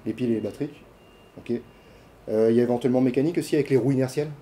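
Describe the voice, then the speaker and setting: A man lectures to a class in a relaxed, chatty way. He stops often with fillers and restarts, and he puts questions to the students. His voice is mellow, with faint noise behind it. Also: medium pitch, very fast. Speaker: university lecturer. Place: lecture hall.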